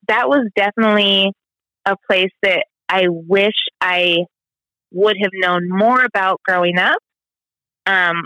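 Speaking as a guest in a personal, casual conversation, a Midwestern American woman in her thirties opens up freely, using "like" and "you know" constantly. Her voice is on the low side with a sharp tone; the audio is poor but has no room sound.

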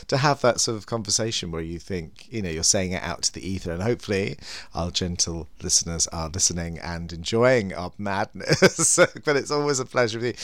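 Theatrical, campy man with wide swooping pitch. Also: fairly bright tone, no echo, studio quality. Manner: theatrical, campy, with endearments like darling. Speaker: podcast co-host. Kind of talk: chatty, bantering podcast talk.

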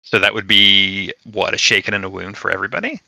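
A man's voice: lowish voice, expressive, quick pace, vocal fry, bright, forceful tone, dry recording, low-quality recording. A man chatting casually as a player in a tabletop game.

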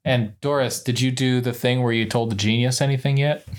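A player in a casual tabletop game who talks in an animated way and is quick to joke. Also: mid-range voice.

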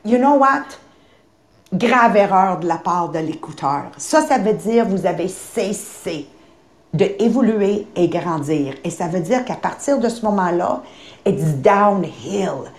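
A woman's voice: mid-range voice, lively intonation, a little slow. Blunt woman, roomy sound. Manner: emphatic, blunt, mixes in English phrases. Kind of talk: casual podcast chat. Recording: roomy echo.

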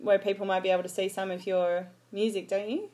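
A woman's voice: mid-range voice, little pitch movement, fairly quick, warm tone. A woman hosting a casual podcast interview, asking friendly questions and giving short agreeing replies. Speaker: podcast host.

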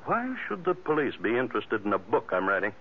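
An actor playing a smug, genteel murderer in an old radio drama, measured and politely menacing. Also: male voice, mid-range voice, very animated, slight background noise. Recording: thin, phone-like old radio recording.

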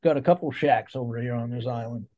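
A man's voice: medium pitch, quick pace, warm tone, natural voice. A man putting on a folksy mud-truck boss. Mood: boastful. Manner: folksy, rambling, cheerfully crude. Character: blustering rural Maine mud-truck boss, middle-aged man.

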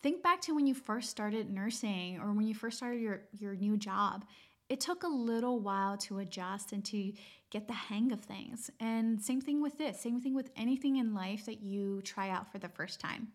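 A woman's voice: mid-range voice, normal speed. A woman hosting a conversational advice podcast in an upbeat, encouraging and reassuring manner, walking through organized, step-by-step tips. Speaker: podcast host and productivity coach.

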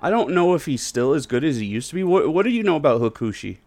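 A man's voice: fairly high pitch, big pitch swings, quick pace, a little mellow. A man co-hosting a casual wrestling podcast, rambling and asking questions, with the hiccups. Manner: rambling, asks questions, trails off. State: has the hiccups. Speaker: podcast co-host.

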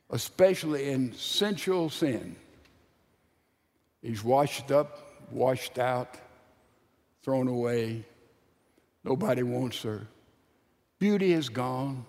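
A man preaching a dramatic sermon in a large church hall. He swings from loud declarations to hushed, drawn-out phrases. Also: medium pitch. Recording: long reverb of a large hall.

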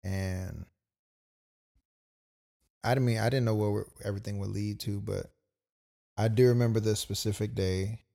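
A young podcast co-host recounts a personal story at normal speed in a lowish, creaky, warm voice, keeping his intonation fairly even and pausing often. His telling is loose and relaxed, packed with "like"s and quoted asides.

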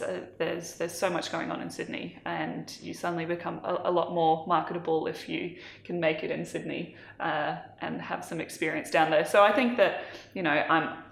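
A woman's voice: lowish voice, gravelly, roomy sound. A woman in her twenties, born in Malawi, chatting as an interview guest in a casual, self-deprecating way. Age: 20s.

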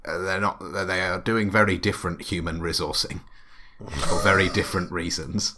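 A pedantic, rule-quoting office IT technician and first aid marshal, as a man improvises him. His voice is very low and deep. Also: fairly even intonation, moderate pace, sharp tone. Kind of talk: improvised role-play.

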